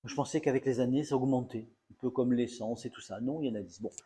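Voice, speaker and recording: A man's voice: medium pitch, quick pace, mellow, slight background noise. A middle-aged male comedian telling a self-mocking story in a mock-serious, playfully exaggerated comic monologue.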